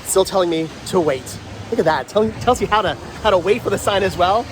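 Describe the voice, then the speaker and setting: This man's voice sits high and moves fairly quickly, sounding stuffy and congested from a cold. He films a walking tour vlog, chatting with enthusiasm as he strolls a rainy town street. Light street noise runs underneath.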